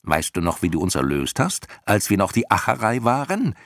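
In a clean, echo-free studio recording, a man performs a screeching mob of mocking clown creatures for an audiobook. His pitch swoops wildly, his pace is moderate and his tone is a bit bright, with very theatrical acting. The chorus he creates is shrill, shrieking, frantic and mocking.

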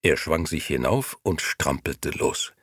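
A man narrates an audiobook in a very deep, husky voice. His telling is lively, with wide pitch swings. The recording is close and dry. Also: unhurried, no room sound. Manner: lively, expressive storytelling. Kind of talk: audiobook reading.

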